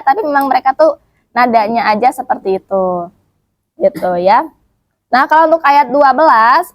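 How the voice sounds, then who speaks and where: A woman's voice: a little high, no room sound. A young woman student teaching a casual Quran commentary lesson at a boarding school, chatty, full of fillers and rhetorical questions. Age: young adult.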